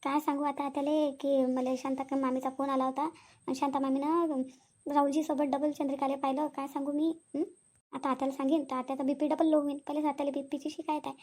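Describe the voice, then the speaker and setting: Fretful young cartoon wife, Vidarbha accent, high and quiet, talking to herself; one actor voices her. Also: flat delivery, brisk. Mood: worried. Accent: Vidarbha Marathi. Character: worried young wife, soft and hesitant. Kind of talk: cartoon voice acting.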